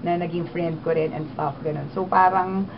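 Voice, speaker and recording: A woman in her twenties with a Filipino accent and a lowish voice speaks at a moderate pace. She is a radio DJ guest telling her story in an interview, animated and switching between Tagalog and English, on a dull lo-fi recording with clear noise.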